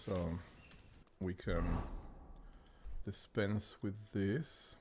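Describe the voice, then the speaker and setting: A man's voice: deep voice, steady tone, extremely slow, background noise. A male gaming streamer giving casual commentary, thinking aloud and cursing mildly as he plays. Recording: clear game audio underneath. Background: game sounds of birds and countryside.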